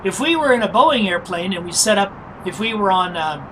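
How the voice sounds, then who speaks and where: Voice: mid-range voice, brisk. A flight simulator streamer giving casual, explanatory live commentary while thinking aloud. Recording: noisy, steady engine-like background hum.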